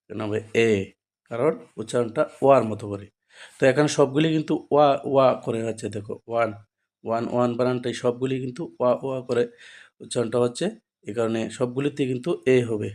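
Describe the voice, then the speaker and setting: An English grammar teacher with a Bengali accent and a mid-range male voice runs his lesson in a steady classroom manner. He goes over each rule several times, breaking it up with quick rhetorical questions to check his students understand.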